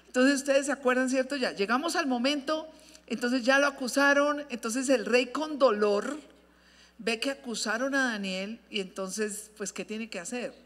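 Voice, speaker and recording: A woman pastor preaching a sermon, stretching key phrases for emphasis and correcting herself often. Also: on the high side. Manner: expressive preaching, drawn-out emphatic phrases, frequent self-corrections. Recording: long hall reverb.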